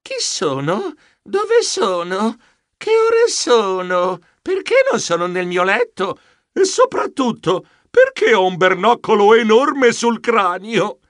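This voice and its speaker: A man voicing a timid, fussy male mouse who edits a newspaper, muttering slow bewildered questions to himself. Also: high-pitched, sing-song, a bit bright, dry recording, clean studio sound, voice pushed up, full character voice. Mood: dazed, confused.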